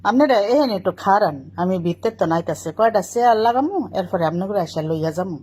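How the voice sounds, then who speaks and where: A woman putting on a polite young man talking in a thick rural dialect. The voice sits a little lower than her own and is casual and rustic. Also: animated, a little fast, a little mellow, lightly acted.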